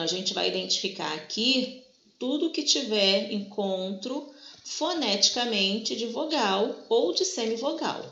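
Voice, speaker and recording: A woman teacher with a mid-range voice, vocal fry and a sharp tone patiently explains a grammar lesson, often checking with "tá?" that students follow. The recorded walkthrough sounds dull and lo-fi, in an echoey room.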